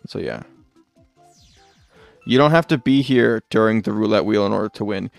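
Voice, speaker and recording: Chatting casually while live-streaming a game, this man rambles, mutters asides and keeps correcting himself. His low voice has vocal fry and a moderate pace, recorded dry with soft background music.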